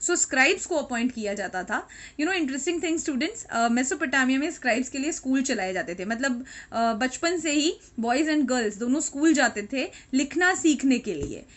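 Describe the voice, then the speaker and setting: Indian woman teacher, high voice, explanatory lecture style mixing Hindi and English. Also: lively intonation, moderate pace, a bit bright. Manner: explanatory, mixes Hindi and English, checks in with "right?". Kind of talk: classroom lecture.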